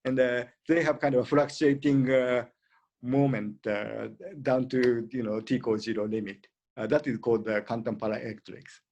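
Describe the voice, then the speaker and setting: Man, physics lecturer, halting delivery, frequent fillers, middle pitch. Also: steady tone, darkish tone, dull audio. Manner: halting, heavy "you know" and "uh" fillers.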